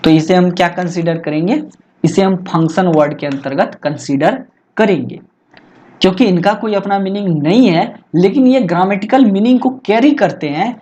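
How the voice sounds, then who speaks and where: A man's voice: high-pitched, normal speed, warm tone, lo-fi sound. Chatty tutor man teaching to an audience. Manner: chatty, asks rhetorical questions. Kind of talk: Hindi-English exam lesson. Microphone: laptop recording.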